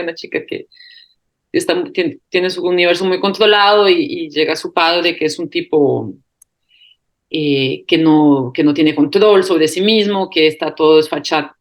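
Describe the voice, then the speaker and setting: A film director from Costa Rica, a woman speaking Costa Rican Spanish, answering interview questions with many pauses, fillers and restarts. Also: lowish voice. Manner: hesitant, thinks aloud with many fillers and restarts; laughs lightly while talking.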